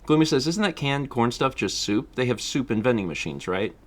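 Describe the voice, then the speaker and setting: A man's voice: medium pitch, animated, brisk. A man chatting casually on his livestream, laughing often and reading out viewer donations. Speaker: streamer.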